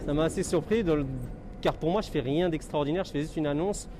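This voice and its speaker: A man in his thirties, a metro driver giving a casual interview in halting, colloquial phrases. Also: a little high. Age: 30s. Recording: loud urban transit noise behind.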